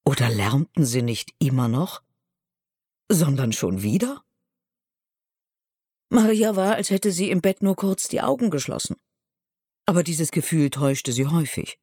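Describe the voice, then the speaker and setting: Male audiobook narrator, unhurried and measured, slightly high voice, long hall reverb. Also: darkish tone, husky. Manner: measured, evenly paced reading. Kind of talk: scripted narration of a historical novel.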